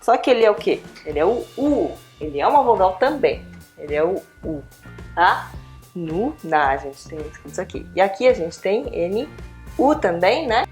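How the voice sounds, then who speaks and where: Woman teacher, lively pitch, patient coaxing delivery, faint music underneath. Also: moderate pace. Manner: patient, coaxing, asks questions with frequent tag words. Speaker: Korean teacher. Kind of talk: online language lesson.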